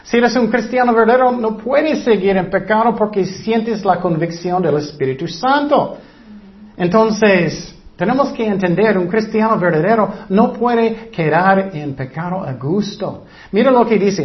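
A man preaching a sermon in an expressive way, acting out voices in his stories, with slightly non-native phrasing. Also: high voice, measured pace. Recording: dull lo-fi sound.

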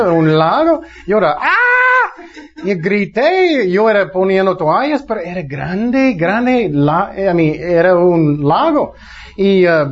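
Guy preaching casual to a church, kinda high voice, muffled recording. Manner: teaching in plain words, asks the congregation questions. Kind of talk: conversational sermon. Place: church service. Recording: dull lo-fi sound.

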